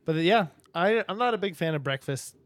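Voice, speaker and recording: A man's voice: high voice, lively intonation, brisk, a bit bright, no echo. A man co-hosting a casual podcast, telling a rambling story and laughing often. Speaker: podcast co-host. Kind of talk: casual chat.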